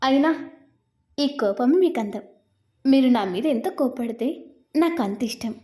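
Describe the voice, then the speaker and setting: A woman's voice: high voice, expressive, unhurried, mellow. A woman voicing a cheerful, affectionate young wife in a read-aloud story. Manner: playful, affectionate.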